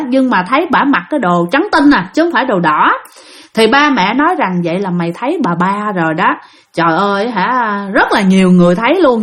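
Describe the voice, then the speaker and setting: A woman with a Southern Vietnamese accent, chatting to her listeners as she retells ghost stories sent in by them. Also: fairly high pitch. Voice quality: lively, dramatic retelling with chatty asides to listeners. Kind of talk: casual spoken storytelling.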